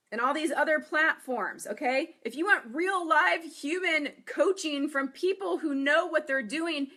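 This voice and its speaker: A woman fitness coach giving an upbeat promotional pitch, repeating herself and checking in with "okay?". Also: sharp tone. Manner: repetitive, upbeat, emphatic with frequent "okay?". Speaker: fitness coach and gym owner.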